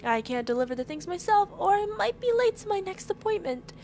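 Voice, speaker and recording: A woman's voice: very high-pitched, very animated, a little fast, a little mellow, full character voice. A woman voicing a deferential, apologetic female rabbit servant, polite and formal, in an audio roleplay drama. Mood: helpful.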